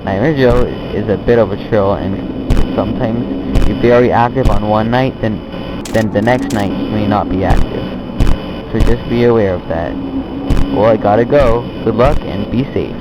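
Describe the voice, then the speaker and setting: A man's voice: on the low side, measured pace, close to an everyday voice. A man playing a casual night-shift trainer who gives an offhand briefing in a horror game phone-call monologue, often trailing off. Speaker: phone guide briefing a new night guard. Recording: noisy amateur recording, clear background noise.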